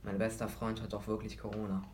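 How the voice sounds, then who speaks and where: A man's voice: fairly low pitch, completely flat delivery, fast, darkish tone, slight background noise, close to an everyday voice. A man voicing a nervous teenage boy. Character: anxious teenage boy, protagonist.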